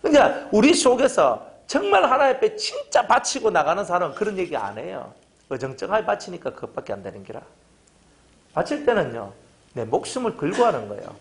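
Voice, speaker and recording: Middle-aged male pastor, fiery sermon delivery, animated pitch. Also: a little fast, gravelly. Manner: fervent, hammering rhetorical questions.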